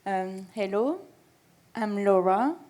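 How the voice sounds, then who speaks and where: A woman's voice: mid-range voice, lively intonation, slow, a little mellow. A woman from France, an English speaker, introducing herself with playful asides. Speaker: dancer, panelist.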